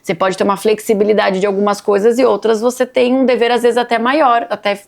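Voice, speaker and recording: A woman's voice: on the high side, fairly even intonation, fast, gravelly. A Brazilian woman in her thirties, a physician and business owner, talking casually on a podcast and acting out family quotes as she tells stories. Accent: Brazilian Portuguese.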